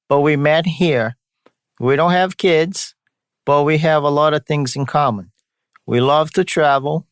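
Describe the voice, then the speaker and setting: A man's voice: a little high, fairly bright tone, smooth, no echo, clean studio sound. A man from Brazil, a native Portuguese speaker, hosts an informal solo podcast in a mixed Brazilian and Boston accent, dropping his r's. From São Paulo state, Brazil. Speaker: podcast host.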